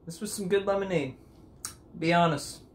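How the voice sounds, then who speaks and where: A young man with a high voice hosts a comedic home cooking vlog, filmed on a camera mic in his kitchen with roomy sound. Speaking at normal speed, he is goofy and jokey, sometimes breaking into loud mock commands.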